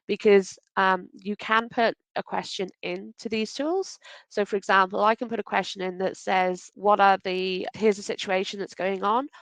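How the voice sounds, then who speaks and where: A woman from Wales with a faint Welsh accent presents a webinar over a video call, conversational and practical, often correcting herself. Her mid-range voice is creaky, and the recording is rough, with no room sound.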